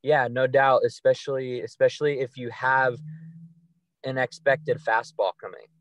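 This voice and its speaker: A man's voice: medium pitch, fairly even intonation, moderate pace, a bit bright, dry recording. A man co-hosting a podcast, talking casually and rambling through long sentences with many ums and likes. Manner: rambling, with many fillers and restarts. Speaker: podcast co-host. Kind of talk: casual conversational chat.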